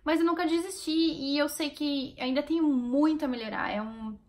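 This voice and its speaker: A woman's voice: sits high, fairly even intonation, moderate pace, darkish tone. A woman from Brazil with a Brazilian Portuguese accent, chatting in a casual vlog and cheering on her viewers. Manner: chatty and encouraging, speaking straight to viewers. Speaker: vlogger.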